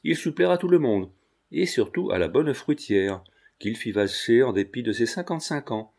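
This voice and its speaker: A man narrating an audiobook with a measured, expressive reading. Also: medium pitch, vocal fry.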